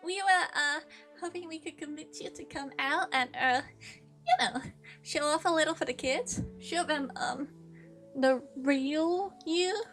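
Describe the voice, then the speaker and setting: A timid townswoman from a video game, stumbling over her words with ums and uhs, as a woman streamer puts her on. The voice sits high and lifts higher in her nervous moments, with soft piano music faintly behind. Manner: halting, full of ums and uhs. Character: nervous, hesitant woman from a nearby town.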